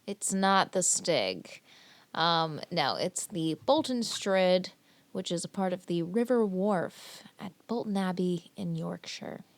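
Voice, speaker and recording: A woman's voice: lowish voice, measured pace, no echo. A woman co-hosting a podcast in casual chat, giggly and playful. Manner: giggly, playful, teasing dramatic intros. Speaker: podcast co-host.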